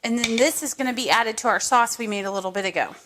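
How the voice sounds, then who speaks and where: Woman, cooking host, casual tutorial, chatty, home kitchen, slightly high voice. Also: fast, background noise. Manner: chatty, talks viewers through each step.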